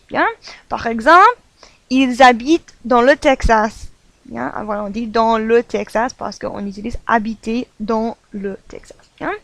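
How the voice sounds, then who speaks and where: A woman teaching French as a lesson, patient and repetitive, often filling pauses with hesitations. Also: on the high side, creaky, a bit bright, no echo. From United States. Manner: patient, repeats examples, fills with "voilà" and "euh".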